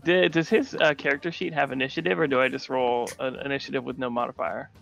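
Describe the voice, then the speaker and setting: Gravelly young man reading out game moves. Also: medium pitch, steady tone, fast, fairly bright tone, faint music behind. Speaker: player. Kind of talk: casual chat while playing a tabletop game.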